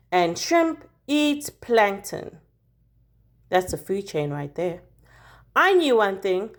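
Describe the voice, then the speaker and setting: Reading a children's picture book aloud in a teacherly way, a woman with a mid-range voice stresses key words with deliberate drama. Her delivery is expressive throughout.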